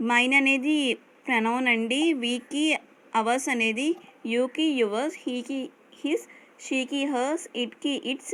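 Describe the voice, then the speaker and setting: A woman with a Telugu accent teaching English grammar, reading English definitions slowly and explaining them in Telugu. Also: a little high, a bit bright, poor audio. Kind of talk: explanatory lesson over slides.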